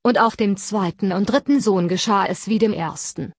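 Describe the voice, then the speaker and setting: A woman narrating a fairy tale in a calm, even storytelling manner. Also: mid-range voice, normal speed, husky, no echo, clean studio sound.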